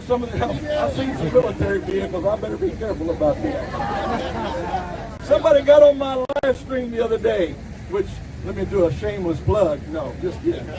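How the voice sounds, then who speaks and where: Fiery man shouting to an outdoor crowd. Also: very high voice. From Ohio, USA. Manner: fiery, defiant, shouting at times. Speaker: rally speaker. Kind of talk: outdoor protest speech. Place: outdoors at a rally with vehicles. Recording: distant mic, crowd and street noise.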